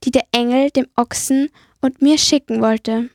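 Woman doing a fretful gentle donkey. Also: fairly high pitch, fairly even intonation, dry recording, studio quality. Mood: glad. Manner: fretful, slow and earnest. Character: worried gentle male donkey.

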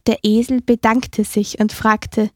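A woman gently narrating a children's Christmas story in a slow, storytelling manner. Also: on the high side, level tone, dry recording, clean studio sound.

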